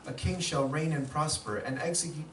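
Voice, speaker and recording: A man interpreting a sermon into English in a church hall, matching the preacher's emphasis and shouts. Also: a little high, fairly even intonation, moderate pace, slight background noise. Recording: echoey room, mic far off.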